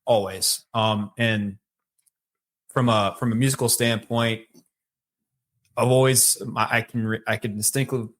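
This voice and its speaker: A man with a Michigan accent, a podcast guest telling his life story in a relaxed, rambling way with many fillers. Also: fairly low pitch, measured pace, long pauses. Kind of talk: casual storytelling conversation.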